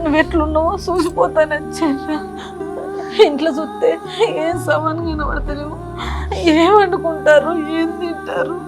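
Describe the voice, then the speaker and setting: In a high voice with flat delivery and a moderate pace, a woman portrays a tender, tearful village mother of middle age. Sounding natural, she sobs, pleads and laments over her married son while music plays behind her.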